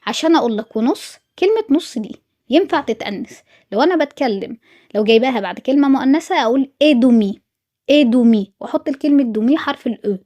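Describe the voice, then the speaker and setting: A woman with an Egyptian Arabic accent teaches a French lesson at a fast pace. Her voice sits a little high, and she keeps asking questions and answering them herself. She repeats each key word slowly. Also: expressive, warm tone. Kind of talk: classroom lesson explanation.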